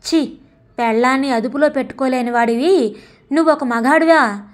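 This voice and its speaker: Proud, wounded elderly mother with a sharp, scolding edge, read by a woman narrator; storybook reading, pitch sitting fairly high. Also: moderate pace, close to an everyday voice. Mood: angry, bitter. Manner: bitter, scolding.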